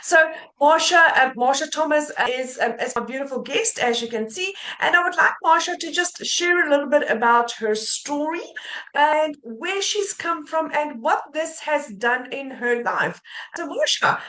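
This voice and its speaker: A South African woman hosts a live-stream interview. Her voice is high and bright, with a forceful edge. She talks about her guest with gushing, affectionate praise. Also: animated, unhurried, rough recording.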